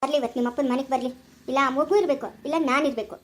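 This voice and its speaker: A woman with a rural Chikkaballapura Kannada accent playing a furious, domineering older village mother-in-law in an amateur family skit, scolding in a shrill, bossy way. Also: fairly even intonation, rapid-fire, lightly acted.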